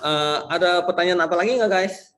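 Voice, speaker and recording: A man's voice: sits high, a little fast, fairly bright tone, slight background noise. A male lecturer talks to his class in loose, slangy speech. He rambles and jokes, drifting between points. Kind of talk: casual online class talk.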